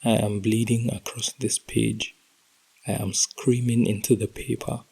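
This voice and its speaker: A man hosting a podcast, reading a heartbroken letter aloud in a slow, emotional, intimate delivery that drops to whispers at times. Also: on the low side, little pitch movement, vocal fry, darkish tone, breathy edge, rough recording. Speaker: podcast host.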